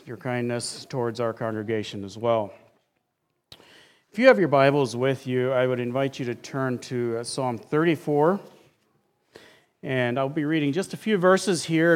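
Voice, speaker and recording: A man preaching as a guest pastor, greeting the congregation and then reading scripture earnestly. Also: medium pitch. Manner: earnest, rising in intensity when reading scripture. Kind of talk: sermon. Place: church sanctuary.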